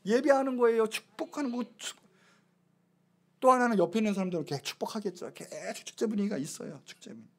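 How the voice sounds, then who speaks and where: A male pastor preaching a lively sermon in a church, swinging between loud exclamations and hushed asides. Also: high-pitched, fast. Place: church sanctuary.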